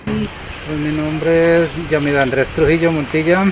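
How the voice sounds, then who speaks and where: A man, an agroecology technologist, speaking loudly and plainly in a documentary interview. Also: a little high, steady tone, slow pace, over music, low-quality recording. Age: 30s.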